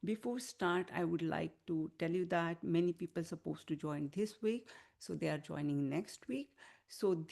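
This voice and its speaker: A woman leading an online wellness class as a healing teacher, giving soothing, unhurried instruction. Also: lowish voice, gravelly, darkish tone. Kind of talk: online wellness class talk with guided relaxation.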